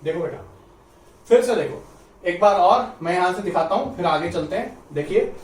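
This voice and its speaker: A man's voice: sits high, expressive, a little hiss or hum. A man teaching a biology lesson for exam students, repeating points, drawing out key terms and mixing English words into his explanation. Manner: repeats points, urges students to listen carefully; stretches out key terms slowly. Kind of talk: exam-prep biology lecture. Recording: roomy echo, somewhat distant mic, faint ambience.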